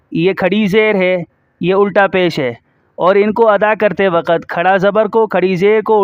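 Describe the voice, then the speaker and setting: A man teaching Quran reading, stretching out each syllable slowly in recitation and then explaining quickly in between. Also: sits high, clean tone, dry recording, highs cut off. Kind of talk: recorded lesson.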